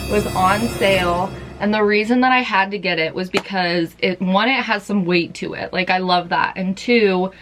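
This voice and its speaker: A woman's voice: medium pitch, fairly bright tone, slight background noise, rough recording. A tired young woman chatting her way through a makeup routine after an all-nighter, rambling casually. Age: young adult. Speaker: vlogger. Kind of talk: casual makeup vlog chat.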